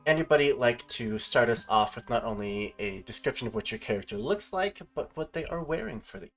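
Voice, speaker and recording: A man's voice: medium pitch, animated, fairly quick, a bit bright, faint music behind. A man running a tabletop game as game master, describing scenes with hesitant restarts. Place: online stream with players.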